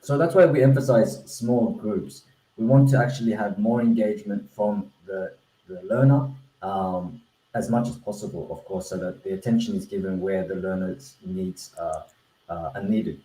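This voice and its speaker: This founder, an Australian whose first language is Korean, gives an online webinar presentation about his language-learning platform. His mellow voice sits on the low side and moves at normal speed, with a roomy echo from the video-call mic. He's earnest but restarts frequently and leans on fillers.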